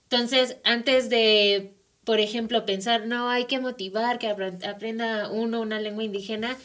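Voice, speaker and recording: Her fairly high, slightly bright voice stays steady and moves a little slowly. A Mexican woman with a Mexican Spanish accent, she appears as a language guest on an academic radio talk show in a studio, explaining language issues and regularly checking in with tag questions.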